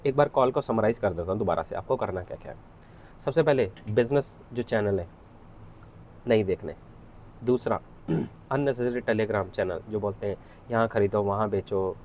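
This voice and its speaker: A man's voice: mid-range voice, darkish tone, a little hiss or hum. Casual man teaching stock research. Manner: conversational, repeats "ठीक है" often. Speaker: equity research educator. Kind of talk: casual screen-share tutorial.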